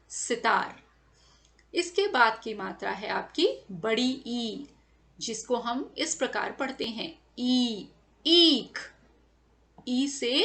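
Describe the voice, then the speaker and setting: Slow, careful woman teacher for children. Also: on the high side, a bit bright. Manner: stretches and stresses sounds as she says them. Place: voice-over to lesson slides.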